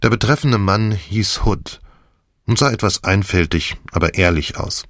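Male audiobook narrator, low voice, measured delivery, dry studio sound. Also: fairly bright tone, no echo. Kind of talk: scripted narration.

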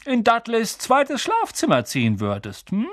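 A man voicing a gruff, bullying middle-aged uncle who snaps and shouts in a story reading. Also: high voice, huge pitch swings, a little slow, dry recording, studio quality, voice pushed up, heavily acted. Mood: uneasy, forced. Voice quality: shouting, snapping.

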